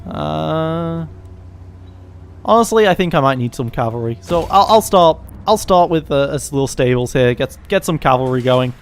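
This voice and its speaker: A man's voice: fairly high pitch, animated, normal speed, a little hiss or hum. Joking man chatting over a strategy game. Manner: loose and joking, hesitant restarts. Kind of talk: casual gameplay chat.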